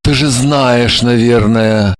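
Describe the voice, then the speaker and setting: Man doing a dignified devoted man, earnest, measured, slow, dry close sound, audiobook character. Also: medium pitch, fairly even intonation, no room sound, lightly acted.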